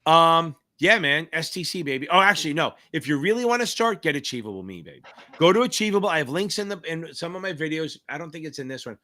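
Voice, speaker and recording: A middle-aged man hosts a live question-and-answer stream, calling out viewers by name. He hypes them up with swear words and shouted cheers. His voice sits fairly high and sounds bright and forceful. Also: expressive, quick pace. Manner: hyped, profane, shouty cheers. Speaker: livestream host and exam tutor. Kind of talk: live Q&A chat.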